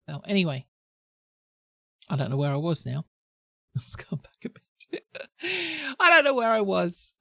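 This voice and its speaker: A woman hosts a reaction video in a low, gravelly, slightly bright voice, stuffed up with a cold and a sore throat. Her casual commentary rambles and self-corrects, captured in a dry, studio-quality recording.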